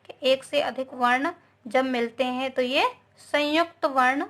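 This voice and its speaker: A woman teaches grammar to young children in a slow, careful way. Her voice sits high, and she keeps checking in with little tag words as she goes, slipping English into her talk. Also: fairly even intonation, fairly bright tone. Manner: patient, repeats "okay" and "है ना", mixes English words. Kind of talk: slow, explaining Hindi grammar lesson.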